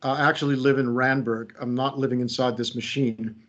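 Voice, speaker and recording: Over slightly muffled video call audio, a middle-aged creativity coach from the United States leads an online presentation, moving through slides with casual, self-deprecating humor. His voice is medium in pitch, steady, brisk, and a touch bright.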